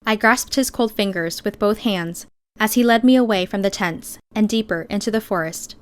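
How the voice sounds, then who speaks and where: A woman of medium pitch performs a first-person fictional narrative as an audiobook reader, pacing it carefully while staying expressive.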